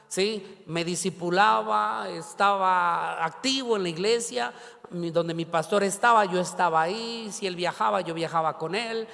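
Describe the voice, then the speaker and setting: High-voiced pastor preaching in a hall. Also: male voice, a bit bright. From Ecuador. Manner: preaching with call-and-response prompts to the congregation. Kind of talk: sermon. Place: church. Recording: long reverb of a church hall.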